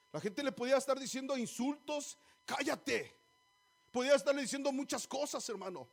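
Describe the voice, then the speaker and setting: A man preaching a sermon in church, exhorting the congregation, often calling them brothers and asking them rhetorical questions. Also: extremely high pitch. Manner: exhorting, often calls listeners "hermanos", asks rhetorical questions.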